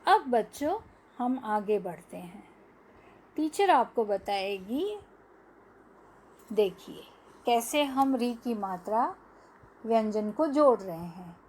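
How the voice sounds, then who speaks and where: A woman's voice: a little high, sing-song, takes it slowly, pauses often, a little mellow, slight background noise. A woman teacher giving a language lesson to young children, stretching out each syllable.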